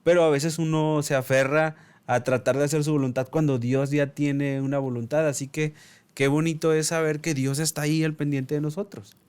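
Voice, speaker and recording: Un hombre joven de México con acento del norte de México, contando animado una anécdota personal en un pódcast, imitando los diálogos. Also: male voice, a little high, normal speed, smooth. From Mexico. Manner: animated storyteller acting out dialogue. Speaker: podcast co-host. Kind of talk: casual storytelling.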